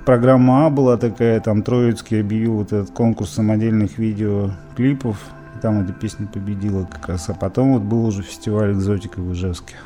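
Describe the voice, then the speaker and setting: A man's voice: lowish voice, warm tone. A man from Izhevsk, Russia, a musician being interviewed, talking in a rambling way with many fillers and restarts. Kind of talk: casual interview reminiscing.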